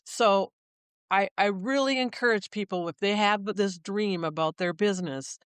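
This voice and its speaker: A woman's voice: medium pitch, fairly bright tone, clean tone, no echo. A middle-aged woman who owns a small business, chatting in an interview and explaining things with examples and frequent restarts. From Minnesota. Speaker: small business owner, guest. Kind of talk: casual interview talk.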